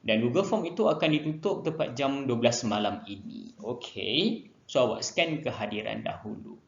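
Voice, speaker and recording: A man teaching a Mandarin lesson online, speaking slowly and repeating each word twice for students to copy. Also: mid-range voice, animated, vocal fry, roomy sound, lo-fi sound, a little hiss or hum. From Malaysia. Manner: slow, drills pronunciation by repeating words twice.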